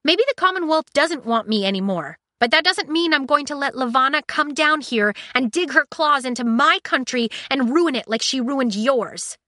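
A defiant young cyborg woman who pushes every line hard and high, with a bright, forceful edge to her voice. A woman plays her in a storybook reading. The sound is close and dry. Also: animated, unhurried, no echo. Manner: intense, raised, indignant delivery.

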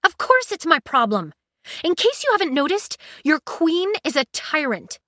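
A defiant young cyborg woman who pushes every line hard and high, with a bright, forceful edge to her voice. A woman plays her in a storybook reading. The sound is close and dry. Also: lively intonation, unhurried, dry recording. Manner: intense, raised, indignant delivery.

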